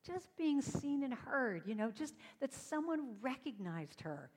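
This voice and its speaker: A woman telling stories to a congregation as a singer and speaker, lively and acting out the voices of the people she quotes. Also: high voice, a little slow, breathy edge. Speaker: singer and speaker at a church service. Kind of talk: storytelling talk to a congregation. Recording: long hall reverb.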